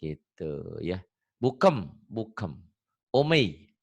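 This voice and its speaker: A man's voice: low voice, very animated, very slow, vocal fry, breathy edge, lo-fi sound. Man patiently drilling Quran reading. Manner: patient, joking, drills pronunciation by repeating. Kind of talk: online one-on-one lesson. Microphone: video call.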